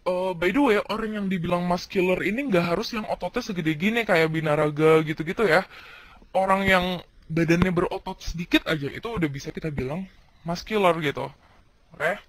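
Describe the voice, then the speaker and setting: A man's voice: high voice, fairly quick, fairly bright tone, no room sound. A man from Indonesia teaching English vocabulary in a casual video lesson, chatty and slangy, asking questions and answering them himself.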